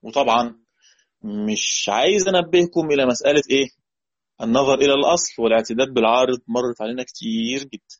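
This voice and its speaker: Egyptian man teaching recitation, husky voice. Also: mid-range voice, fast. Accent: Egyptian Arabic. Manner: asks the class questions, repeats and chants example words. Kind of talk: classroom lecture on recitation rules. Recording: dull lo-fi recording.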